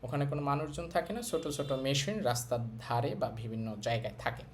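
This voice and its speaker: A Bangladeshi man with a Bengali accent teaching Japanese vocabulary, repeating each word slowly and drawing out its vowels. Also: mid-range voice, lively intonation, slight background noise. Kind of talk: vocabulary lesson.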